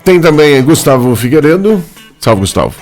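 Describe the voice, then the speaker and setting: A Brazilian man hosts a studio radio interview in a loose, joking manner, dropping tags and fillers as he goes. His voice has a gravelly edge. Soft music sits faintly under him. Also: on the high side, very animated, normal speed. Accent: Brazilian Portuguese. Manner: chatty, jokey, filler-heavy. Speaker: radio host. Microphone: studio microphone.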